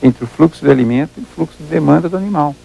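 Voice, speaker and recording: A man's voice: on the high side, racing, vocal fry, highs cut off. A Brazilian man, a livestock researcher as an interview guest, explaining at length and working through examples, often repeating words as he thinks.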